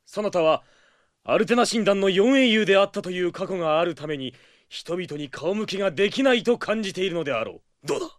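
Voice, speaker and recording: 芝居がかった尊大な正義の騎士、高めの声. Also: male voice, sits high, animated, fast talker, no room sound, clean studio sound. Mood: preachy, self-assured. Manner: formal, archaic, theatrical and grandiose. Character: pompous, earnest older brother posing as a masked knight of justice. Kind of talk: Japanese audio drama acting.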